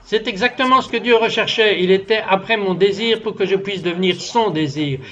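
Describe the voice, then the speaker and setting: A man's voice: sits high, a little fast, a bit bright, muffled recording. A man giving a French voice-over of a guest's testimony, telling it earnestly and acting out its dialogue. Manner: earnest storytelling, acts out the dialogue of his story.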